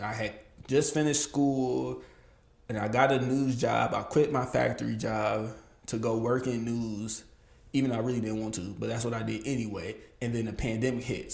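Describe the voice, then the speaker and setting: A man's voice: medium pitch, gravelly, darkish tone, reverberant. A man in his early thirties hosting a solo podcast, talking candidly and reflectively, with bursts of emphasis. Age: 30s. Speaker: podcast host. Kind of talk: casual solo podcast monologue.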